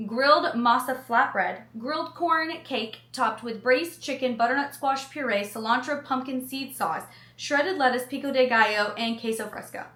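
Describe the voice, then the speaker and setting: A woman's voice: sits high, moderate pace, bright, forceful tone, echoey room. A woman food vlogger reading menu items aloud and adding chatty personal asides. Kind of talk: casual chat reading a menu.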